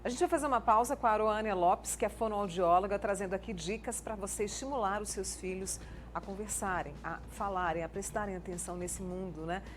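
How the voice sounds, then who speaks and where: Brazilian woman, TV host, friendly, mid-pitch, reads viewer questions, faint noise. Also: a little fast. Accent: Brazilian Portuguese. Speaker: TV show host. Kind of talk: TV morning show interview.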